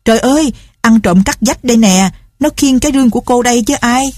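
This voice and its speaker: A woman's voice: medium pitch, normal speed, mellow, husky, dry recording, studio quality, close to an everyday voice. A woman voicing a talkative older housemate who fusses and scolds. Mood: alarmed.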